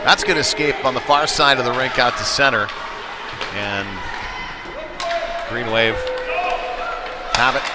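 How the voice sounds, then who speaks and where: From inside an indoor ice rink, a man offers home-team, folksy commentary on a youth hockey game at a measured pace, leaving long pauses in his mid-range voice. Loud rink noise, bangs and puck slams fill the recording.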